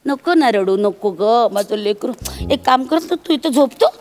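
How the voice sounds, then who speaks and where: A woman's voice: sits high, animated, moderate pace, a little mellow, faint music behind. A woman playing a bossy, teasing shopkeeper in a comedy sketch, sometimes switching into Hindi on the phone. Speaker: shopkeeper selling snacks. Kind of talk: Marathi comedy sketch acting.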